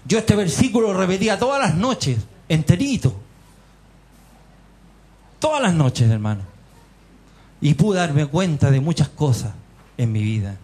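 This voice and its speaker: A man's voice: a little high, lively intonation, measured pace, long pauses, a little mellow, breathy edge. A man with a Chilean accent preaching a fervent sermon in a church meeting hall, firing rhetorical questions and calling his listeners brothers. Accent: Chilean Spanish. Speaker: lay preacher.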